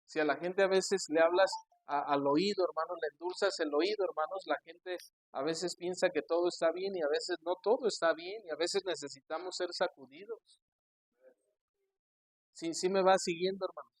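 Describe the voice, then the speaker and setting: A man preaching as a pastor, telling stories and acting out his church members' voices, swinging from hushed storytelling to loud emphatic preaching. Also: high-pitched, steady tone, moderate pace, no echo, poor audio. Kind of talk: sermon.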